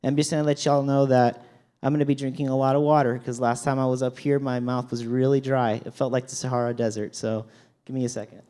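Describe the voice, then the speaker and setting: A man giving a church talk to a group, explaining dictionary definitions and often pausing with ums and restarts. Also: medium pitch, little pitch movement, mellow. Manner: hesitant, frequent ums and restarts. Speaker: youth talk speaker at church. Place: speaking up front to a group.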